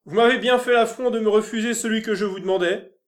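A man voicing a kind former soldier in an audiobook, gentle with a child and firm with others. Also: fairly high pitch, moderate pace, close to an everyday voice. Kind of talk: audiobook character reading.

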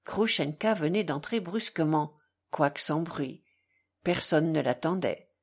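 Woman narrator, audiobook, measured, husky breathy voice. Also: deep voice, lively intonation. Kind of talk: audiobook reading of a classic novel.

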